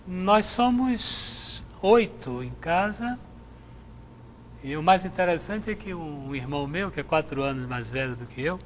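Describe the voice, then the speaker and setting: A middle-aged man, a Jesuit priest from Salvador, answering interview questions in a measured, reflective way on a lapel mic in a TV studio. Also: a little high, lively intonation, a little hiss or hum. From Salvador, Bahia, Brazil. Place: TV studio with chapel set.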